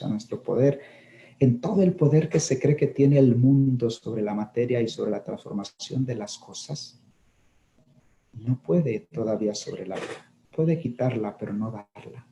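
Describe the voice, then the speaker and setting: Middle-aged male priest, very warm dark timbre; reflective conversational homily. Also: mid-range voice, a little slow, creaky, a little hiss or hum. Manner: reflective, often checks in with listeners with tag questions. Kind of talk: conversational talk on grief.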